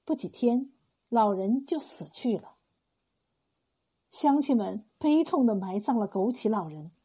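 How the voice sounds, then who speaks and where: A woman narrating a folk tale in a slow, even storytelling manner. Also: fairly high pitch, breathy edge.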